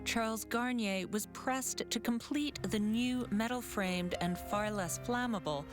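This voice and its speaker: A woman reading scripted travel documentary narration in a measured, formal narrator's delivery. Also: fairly high pitch. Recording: music under the voice. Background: background music.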